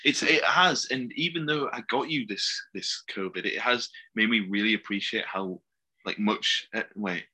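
A young man with a slightly low, husky voice that still sounds bright, talking casually with his partner. He rambles and often restarts his sentences. His tone is relaxed and easygoing. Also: normal speed. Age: young adult. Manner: rambling, warm, starts over often. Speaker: podcast co-host. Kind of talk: casual couple chat.

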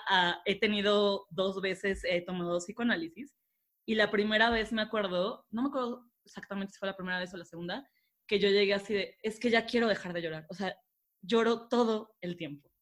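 A woman with a Mexican Spanish accent, co-hosting and telling a personal story in a candid, animated way. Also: medium pitch, moderate pace. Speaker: podcast co-host. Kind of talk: casual chat.

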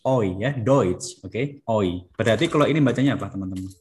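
A man's voice: lowish voice, a little fast, a little mellow, a little hiss or hum. A man teaching a German class, patiently prompting students to say words back. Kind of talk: classroom language lesson.

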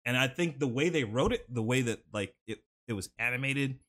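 A man's voice: medium pitch, lively intonation, brisk, a bit bright. A young man on a podcast, chatting casually and telling a long, rambling story full of fillers, his mic turned slightly away. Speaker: podcast host. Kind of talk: casual chat. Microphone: studio mic, off-axis.

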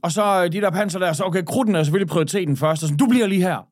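A man's voice: high voice, no room sound, clean studio sound. A man, a podcast guest telling blunt, swearing stories. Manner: blunt, swears, laughs into his own stories. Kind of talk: casual chat, storytelling.

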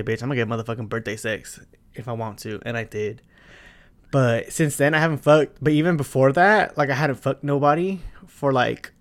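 A man in his twenties hosting a solo podcast, talking bluntly and profanely, with loud bursts and quiet asides. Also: medium pitch. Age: 20s. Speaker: podcast host. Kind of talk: casual solo podcast chat.

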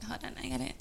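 A woman co-hosting a podcast in casual chat, blunt and quick to laugh. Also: high voice, creaky, slight background noise. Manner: blunt, laughing, slow-drawling. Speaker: podcast co-host.

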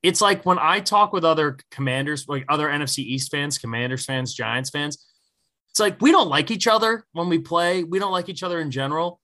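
A man chats about college football on a podcast, in a loose, storytelling way. His voice is bright and forward. He swears freely and acts out the lines of people in his stories. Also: on the high side, expressive, brisk. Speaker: podcast co-host. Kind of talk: casual sports podcast chat.

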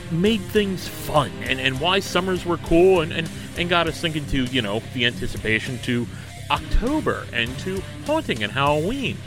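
A male podcast host talks in a casual, rambling way. His voice sits fairly high and moves up and down in a lively manner, with music playing clearly behind him. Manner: rambling, conversational. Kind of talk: casual show rundown.

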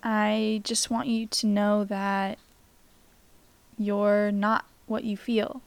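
A woman hosting a reflective mindfulness podcast, speaking gently with pauses and soft, breathy phrase endings, her voice slightly worn. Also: mid-range voice, level tone, no echo. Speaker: podcast host.

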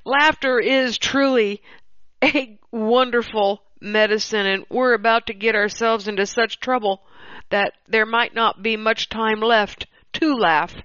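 A woman hosting, reading an opinion article aloud in a measured, deliberate way. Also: fairly high pitch, steady tone, a bit bright, dry recording. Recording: dull, slightly lo-fi dry recording.

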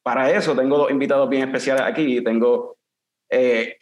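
A man's voice: medium pitch, steady tone, quick pace. A Puerto Rican man hosting a podcast, playful and switching easily between Spanish and English. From Puerto Rico. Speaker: podcast host. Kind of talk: casual podcast chat. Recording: echoey room with faint noise.

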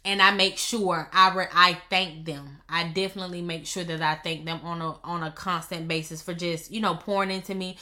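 A woman's voice: on the low side, fairly even intonation, moderate pace, hardly any pauses, bright, forceful tone. A woman business coach chatting casually to her viewers on a live stream, emphatic and playful, with slangy talk and repeated phrases for effect. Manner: slangy, conversational delivery.

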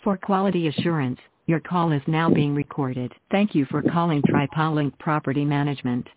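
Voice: mid-range voice, moderate pace, background noise. Recorded phone menu voice on tinny line.

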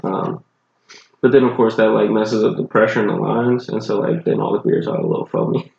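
Man, Southern accent, groggy, low-pitched, rambling casual chat, muffled audio. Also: steady tone, brisk, creaky, darkish tone, reverberant. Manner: rambling, loose, swears casually. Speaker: podcast co-host, bartender.

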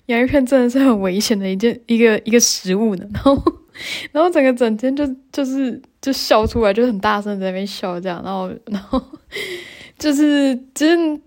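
A woman's voice: a little high, a little mellow. A young woman hosting a podcast, telling a story in a chatty way with fillers, restarts and frequent laughs. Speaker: podcast host. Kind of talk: casual storytelling monologue.

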